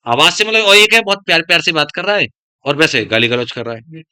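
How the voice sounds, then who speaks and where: A male teacher lecturing a classroom of students, his heavy voice easily mistaken for scolding. His tone is sharp and forceful and sits fairly high for a man. The sound is close and dry. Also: quick pace, clean tone, no room sound. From Uttar Pradesh, India. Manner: speaks of his own heavy, stern-sounding voice; addresses students as beta, digresses into life advice. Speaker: biology teacher.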